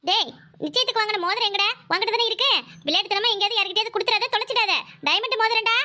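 Woman voicing a cartoon village mum, Tirunelveli Tamil accent, shrill high voice, rapid scolding. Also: sharp tone. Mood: nagging. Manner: scolding, nagging. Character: bossy village mother, fussing over engagement. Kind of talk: cartoon voice acting.

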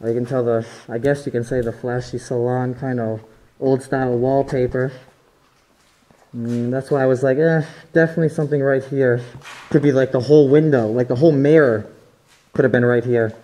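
A young man, an urban explorer, chats casually while wandering through a large abandoned resort building, guessing what each room used to be and getting easily impressed. His voice sits at a medium pitch with a steady, dark tone and a moderate pace. It's a low-quality recording, captured indoors on a handheld camera.

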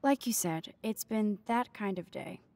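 Actress as earnest American teen girl, soft dark tone, hesitant, dry recording, video game drama. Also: medium pitch, a little slow, dry recording, natural voice. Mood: uneasy. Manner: hesitant, sincere. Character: soft, earnest, awkward teenage schoolgirl.

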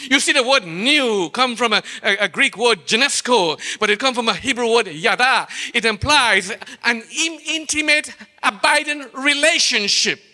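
A man's voice: extremely high pitch, animated, normal speed, hardly any pauses, sharp tone. A man with a Trinidadian accent preaching a sermon in a church, asking rhetorical questions and stretching out key phrases for emphasis. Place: church sanctuary. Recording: long church-hall reverb.

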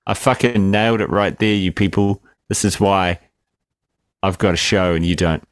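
A man trading jokes on a film review podcast, rambling with lots of fillers and the odd curse. His voice sits fairly low. The sound is dry and close, with no room echo. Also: moderate pace, clean tone. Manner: joking, rambling with fillers and swearing. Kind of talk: casual banter.

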